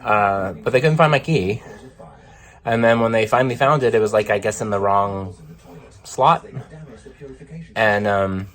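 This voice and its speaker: A man talks casually to his camera, a little short of breath and full of ums. His voice sits on the low side, and the talk wanders as he goes. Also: unhurried, long pauses, fairly bright tone. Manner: rambling, with many ums and laughs. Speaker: travel vlogger. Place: cruise ship cabin with a TV on.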